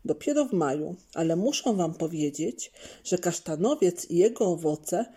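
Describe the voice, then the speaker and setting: A woman voicing a patient, knowledgeable father in a children's storybook, explaining in a calm, measured way. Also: fairly low pitch, slightly rough.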